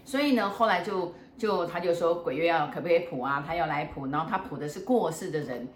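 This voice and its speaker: Low-voiced older woman. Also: fast. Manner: chatty and joking, many fillers. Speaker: fortune teller. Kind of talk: casual storytelling. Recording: roomy room with faint noise.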